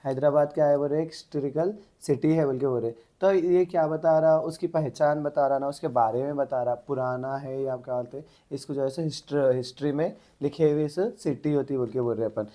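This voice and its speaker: A man's voice: a little high, a little fast, few pauses, warm tone. A man teaching an exam-prep English grammar lesson, asking the class questions and answering them himself.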